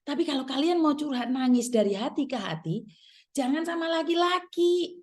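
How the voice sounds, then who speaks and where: Seorang wanita paruh baya berlogat Jawa yang tegas dan berulang-ulang menasihati penontonnya dalam vlog. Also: female voice, sits high, animated, moderate pace, a little mellow. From Indonesia. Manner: firm, repetitive, emphatic. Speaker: channel host giving advice to migrant workers. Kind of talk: scolding monologue to viewers.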